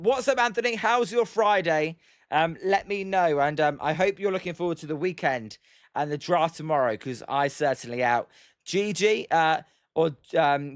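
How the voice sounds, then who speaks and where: A chatty British man with a high-pitched, fairly bright voice commentates on baseball during a live stream, mixing casual play-by-play with replies to chat. He rambles, filling gaps with lots of "um"s and "as," and sounds slightly croaky from streaming every day. The recording is studio quality with no echo.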